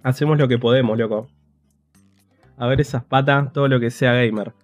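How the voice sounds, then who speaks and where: A man's voice: medium pitch, fairly even intonation, moderate pace, no room sound, faint music behind. A man with a Rioplatense Spanish accent, commentating a game on a live stream in a chatty, joking way, talking to his chat. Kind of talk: casual livestream gameplay commentary.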